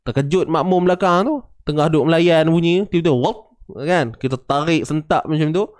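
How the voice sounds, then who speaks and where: A man's voice: on the high side, moderate pace, darkish tone. Malaysian Malay man teaching tajwid. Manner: chatty, checks understanding often. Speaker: Quran recitation teacher. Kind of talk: casual tajwid lesson with recited examples.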